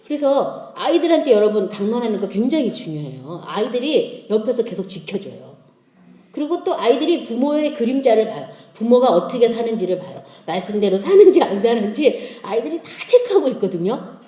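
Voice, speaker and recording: A middle-aged woman shares her testimony in an echoey church hall. Her higher voice is warm and mellow and swings widely in pitch as she tells family stories with laughter. She acts out the conversations as she goes. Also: a little fast. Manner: lively storytelling, acting out family dialogues with laughter. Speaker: lay speaker giving a testimony.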